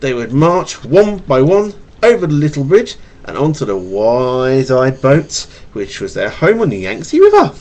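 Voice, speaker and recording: Recorded through a home webcam's built-in mic, a father with a mild stutter brings a picture book to life for his little one, adding offhand remarks along the way. He speaks in a mid-range voice at an easy pace, barely pausing.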